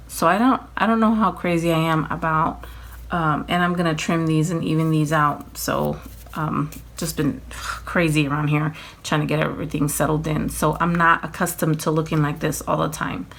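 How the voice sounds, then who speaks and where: Tired, rambling woman vlogger. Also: deep voice. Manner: rambling, apologetic, many fillers, laughs often. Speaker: nail vlogger. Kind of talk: casual unboxing chat. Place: home.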